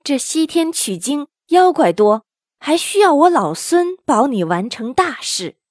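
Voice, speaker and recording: Sun Wukong, a woman doing a loud monkey hero. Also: sits high, sing-song, measured pace, dry recording, studio quality, voice pushed up. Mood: indignant. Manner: loud, forceful and indignant. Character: brash, hot-tempered monkey hero.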